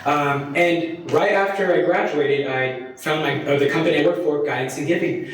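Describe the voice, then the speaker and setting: Speaking at a moderate pace in a voice on the high side, a young man from Colombia who works as a fundraising consultant jokes warmly with a parish audience, using many fillers. The distant mic captures a very echoey hall and some hiss or hum.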